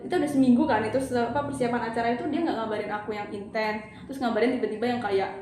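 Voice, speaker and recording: Young woman, high voice, fast chatty storytelling, echoey room with faint noise. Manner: animated, acts out quoted dialogue, frequent fillers. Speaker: counseling client. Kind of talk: casual personal storytelling.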